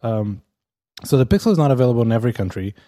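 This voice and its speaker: A man's voice: mid-range voice, expressive, racing, warm tone, no room sound, clean studio sound. A man co-hosting a podcast, chatting casually and rambling, with lots of fillers and restarts. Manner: rambling, many fillers and restarts, laughs often. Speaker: podcast co-host. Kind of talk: casual chat. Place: lives in Amsterdam.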